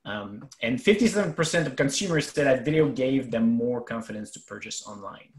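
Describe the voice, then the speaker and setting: A French Canadian man walks through technical points in an online webinar, pausing on fillers as he explains. His voice sits at a middle pitch and sounds roomy. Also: expressive. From Quebec, Canada. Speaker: web developer presenter. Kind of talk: webinar presentation.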